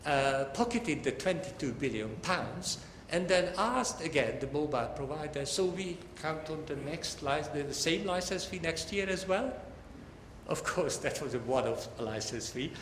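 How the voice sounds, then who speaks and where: An older male professor gives a technical lecture in a large indoor hall, speaking conversationally with wry asides and emphatic stresses. His voice is fairly high and fairly bright, expressive, at a normal speed. The hall is echoey, with faint background noise.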